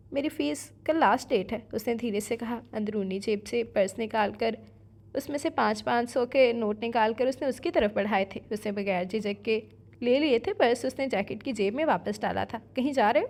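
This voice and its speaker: A woman narrating a romance novel aloud in a steady, even storytelling manner. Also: on the high side.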